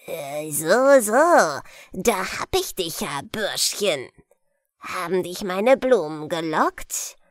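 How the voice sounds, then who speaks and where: Woman as evil old wizard, gloating, slow delivery, close dry sound, fairy tale audiobook. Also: fairly low pitch, big pitch swings, no echo. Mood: sinister coaxing. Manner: slow, gloating, hushed in places. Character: evil old male wizard luring children. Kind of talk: bedtime fairy tale reading.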